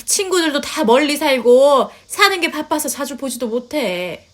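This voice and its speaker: A woman's voice: high-pitched, expressive, moderate pace. A woman voicing a nagging older mother-in-law who scolds, sighs and complains in a story reading. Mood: grumbling. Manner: scolding, sighing, huffy complaints. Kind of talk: storytelling voice acting.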